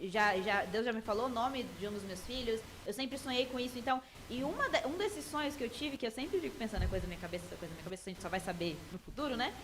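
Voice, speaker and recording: A woman's voice: fairly high pitch, racing, few pauses, noisy background. A young adult woman with a Brazilian Portuguese accent, a podcast guest talking earnestly about faith and family in a casual interview.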